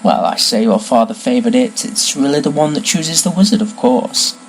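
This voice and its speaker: A man voicing an intense, eerie old male wandmaker in a storybook reading, with a soft, hushed, lilting voice. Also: fairly high pitch, animated, moderate pace, a little hiss or hum, low-quality recording. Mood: musing.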